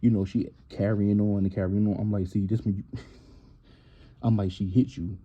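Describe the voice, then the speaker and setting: A man's voice: lowish voice, level tone, moderate pace, husky, dull audio. A man hosting a casual reality TV recap, blunt and opinionated, livening up when he quotes people.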